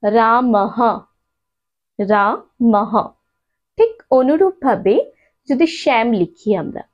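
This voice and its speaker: A woman teaching a language lesson to her students, patiently repeating and slowly spelling out each sound. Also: high voice, dark tone. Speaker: Sanskrit teacher. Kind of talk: spoken lesson addressed to students. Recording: dull lo-fi sound.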